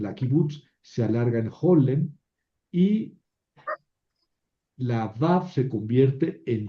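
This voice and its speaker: A man's voice: mid-range voice, dark tone. A man teaching a recorded lesson, explaining patiently with tag questions and small self-corrections. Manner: unhurried, explanatory, with frequent "¿verdad?" tags and self-corrections. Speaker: Hebrew teacher. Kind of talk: recorded lecture. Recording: dull roomy lecture recording.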